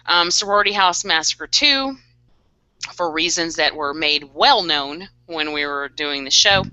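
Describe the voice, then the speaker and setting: A woman's voice: sits low, animated, unhurried, bright, forceful tone, clear, resonant tone, no echo, low-quality recording. A woman co-hosting a live horror podcast, chatting bluntly with a cackling laugh. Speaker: podcast co-host. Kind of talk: casual chat.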